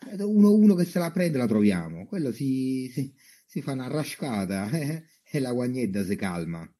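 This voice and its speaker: Brief: a man as a slangy, reluctant werewolf gas attendant, mellow and dark, animated delivery. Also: medium pitch, normal speed. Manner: slangy, grumbling, stubbornly refusing. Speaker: guest.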